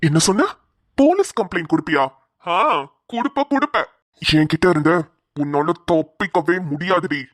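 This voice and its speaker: A woman puts on a bald cartoon villain who gloats over his captives. The voice sits low for her and stays menacing and taunting. It is recorded dry and close. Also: expressive, normal speed, no echo. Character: bald gloating male kidnapper villain, cruel. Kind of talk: cartoon voice acting.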